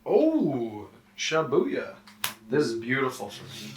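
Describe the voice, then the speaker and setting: A man's voice: medium pitch, wildly swooping pitch, slow, a little hiss or hum. A man playing a card game, gleefully teasing the other players as he explains his own scoring. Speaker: player at the table. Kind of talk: casual banter during a game. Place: indoors at a game table. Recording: distant voice in echoey room.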